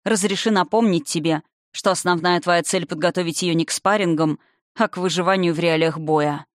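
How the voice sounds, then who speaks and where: A reader voicing the spirit of an older father, calm and condescending, who lectures with mocking haughtiness in an audiobook. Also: a little high, fairly quick, no echo, clean studio sound, close to an everyday voice. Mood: haughty. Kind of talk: audiobook character reading.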